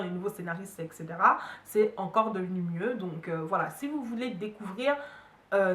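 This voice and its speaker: A woman's voice: medium pitch, fairly bright tone. A young woman from Cameroon, chatting casually to camera about streaming services, full of fillers and asides. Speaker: beauty and hair vlogger. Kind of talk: casual review chat to camera. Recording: roomy echo, mic a bit far.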